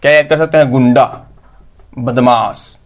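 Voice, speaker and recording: A male teacher runs an exam-prep lesson in a fairly high voice. He keeps quizzing his listeners with the same questions and then answers them himself. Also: moderate pace.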